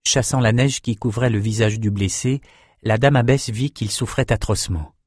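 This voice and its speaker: Un homme qui narre un roman en livre audio, d'une lecture posée et régulière. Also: male voice, on the low side, normal speed, a little mellow, husky, dry recording. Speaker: narrator. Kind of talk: scripted audiobook narration. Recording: dry studio recording.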